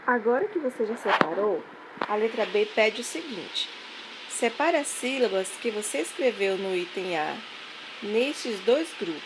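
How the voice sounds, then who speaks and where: Slow-speaking woman teacher, noisy recording. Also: medium pitch, animated. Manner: slow, clear dictation of syllables. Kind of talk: online classroom lesson.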